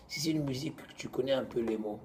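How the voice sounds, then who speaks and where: A man, teaching an informal Torah class to students in an animated, joking way, moving between loud bursts and quiet asides. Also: mid-range voice, quick pace, a little hiss or hum.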